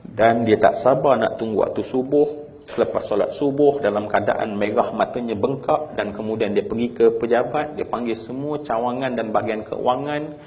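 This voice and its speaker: A man with a Malaysian Malay accent preaching a sermon through a story, swinging from hushed telling to emotional crying out. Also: mid-range voice, normal speed.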